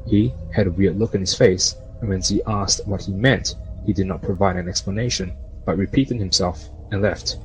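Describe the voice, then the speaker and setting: Low-voiced man narrating a ghost story. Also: normal speed, faint music behind, rough recording.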